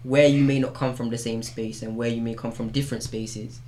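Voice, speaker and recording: London roadman accent guy hosting a chat podcast, talks really quick, bit of noise behind. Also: mid-range voice, steady tone, dark tone. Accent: London, urban street. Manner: street slang mixed with reflective phrasing. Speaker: podcast host. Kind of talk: casual conversational interview.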